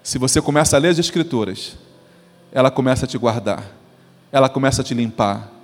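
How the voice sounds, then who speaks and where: A man preaching an animated sermon as pastor, acting out voices as he goes. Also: medium pitch, a little fast. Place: church sanctuary. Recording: long church reverb.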